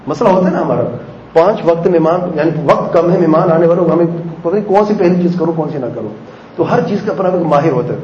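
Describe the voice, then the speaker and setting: A man delivers a conversational sermon, slipping into short acted family exchanges and rhetorical questions. His voice sits a little high yet sounds soft and mellow. The recording is roomy and slightly dull. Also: slight background noise. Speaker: preacher. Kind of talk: sermon on parenting.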